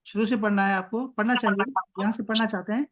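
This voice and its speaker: A man gives an Arabic grammar lesson by video call, using a high-sitting voice that is steady and fairly bright. He explains words slowly, offers encouragement, and slips English into his teaching.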